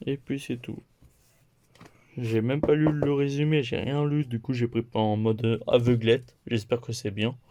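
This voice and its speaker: Un homme qui présente ses achats de mangas de la semaine sur un ton décontracté, en énumérant les titres un par un et en riant de ses erreurs. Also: male voice, mid-range voice, steady tone, mellow. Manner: slow, listing titles one by one; playful, laughs at own mistakes. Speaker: manga haul vlogger. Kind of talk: casual haul video chat.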